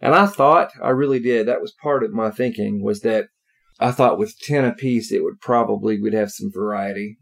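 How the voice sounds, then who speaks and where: A man's voice: fairly low pitch, moderate pace, vocal fry. A man co-hosting a podcast in an easygoing, agreeable casual chat. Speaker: podcast co-host.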